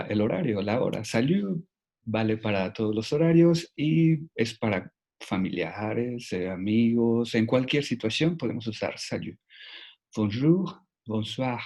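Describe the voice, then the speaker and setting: A man's voice: on the low side, a little mellow. A man teaching a French lesson online, patient and repeating key words. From Mexico.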